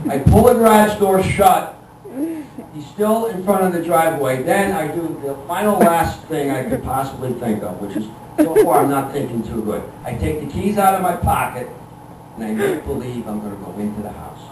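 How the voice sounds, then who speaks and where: A middle-aged man doing live stand-up storytelling in a conversational, halting, exasperated and self-deprecating way. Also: mid-range voice. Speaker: stand-up comedian. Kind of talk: live comic storytelling to an audience. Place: live room with an audience. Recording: echoey room, distant mic, clear background noise.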